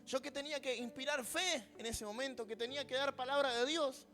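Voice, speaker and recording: High, bright-voiced Argentine pastor preaching. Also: male voice, a little fast. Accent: Rioplatense Spanish. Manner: storytelling, acts out voices, humorous asides. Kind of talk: sermon with personal story.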